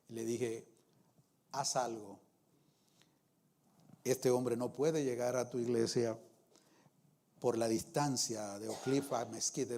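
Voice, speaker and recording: A man's voice: medium pitch, dark tone. A middle-aged male pastor preaching a sermon in a church, with emphatic rising phrases and constant asides to the congregation. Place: church sanctuary.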